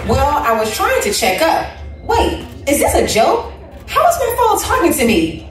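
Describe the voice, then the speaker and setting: Woman, animated and playful, distant on an echoey stage. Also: high voice, normal speed, crowd noise. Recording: echoey hall from far off, with music.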